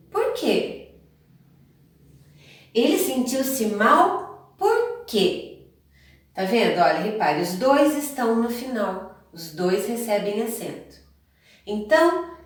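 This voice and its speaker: Female teacher, explanatory classroom delivery, recorded from a distance in a very echoey room. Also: a little high. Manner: explanatory, repeats points, addresses students directly. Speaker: Portuguese teacher. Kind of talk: grammar lesson to students.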